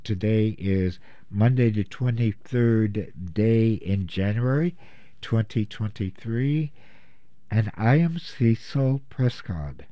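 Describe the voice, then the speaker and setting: A man hosting a community radio talk show, opening the program with a measured, deliberate delivery. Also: lowish voice, dark tone, no echo. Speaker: radio host.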